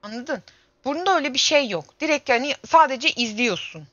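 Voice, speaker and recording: A woman's voice: high-pitched, lively intonation, a little fast, fairly bright tone, no echo. A young woman in her twenties streaming a game, chatting casually and grumbling and exclaiming to herself as she plays. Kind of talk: casual gameplay livestream chat. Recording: dull lo-fi stream audio with faint game music.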